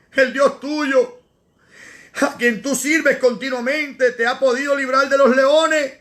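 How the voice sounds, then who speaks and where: An evangelist with a very high voice leads a Bible study. He reads scripture with dramatic flair and breaks in with animated, slangy asides that keep the teaching lively.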